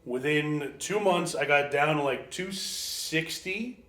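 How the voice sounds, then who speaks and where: A man's voice: a little high, slow, sharp tone. A man in his twenties telling stories casually as an interview guest, crude and self-deprecating. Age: 20s. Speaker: interview guest, former pro wrestler. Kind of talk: casual storytelling chat. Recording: echoey room with crowd noise.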